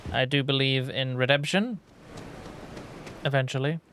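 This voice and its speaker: A man with a middle-pitched voice plays through a video game. He reads dialogue choices and adds his own commentary, with faint background noise. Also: measured pace, fairly bright tone.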